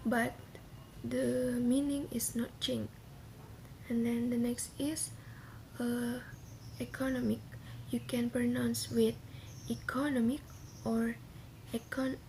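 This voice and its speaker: A young woman giving a class presentation in a soft, often half-whispered voice, hesitant with many pauses and restarts. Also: a little high, creaky, slight background noise, low-quality recording. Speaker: student presenter.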